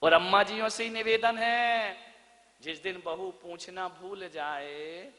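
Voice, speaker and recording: A man delivers a theatrical sermon to a crowd in a large hall, his voice high and bright with a sharp edge. He drops to near-whispers and then bursts into shouts, slipping into sing-song voices to act out family quarrels. A long reverb trails behind every word. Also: steady tone, slow pace. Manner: theatrical, swings from soft asides to shouted lines; acts out household dialogue in sing-song voices. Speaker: Jain monk preacher. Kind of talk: sermon to a live audience.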